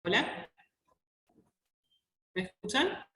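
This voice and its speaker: A woman's voice: medium pitch, big pitch swings, very slow, sharp tone, slight background noise. A woman teacher giving an online class from a classroom with a heavy echo and long reverb, talking hesitantly with many fillers and restarts.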